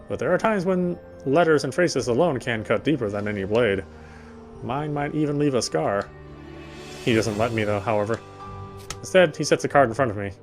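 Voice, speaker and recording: A man at medium pitch narrates a horror visual novel in the first person. He reads steadily but often restarts his words.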